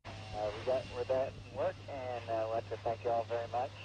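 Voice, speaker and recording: A spacecraft commander heard over a crackly air-to-ground space radio, giving brief procedural replies with hesitant fillers. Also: male voice, medium pitch, fairly even intonation, brisk. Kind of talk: clipped radio calls to mission control. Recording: muffled, noisy radio link from far off.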